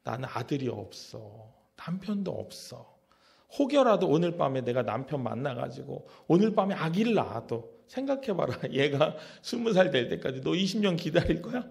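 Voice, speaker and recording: A man voicing a grieving older widowed mother-in-law who pleads in a soft, slowed voice. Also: a little high, very animated, gravelly. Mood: sorrowful pleading.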